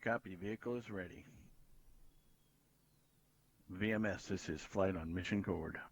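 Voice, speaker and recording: A man's voice: sits low, a little slow, breathy edge. A man giving clipped, procedural flight director callouts over a lo-fi launch control radio loop. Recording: dull lo-fi comms audio from far off.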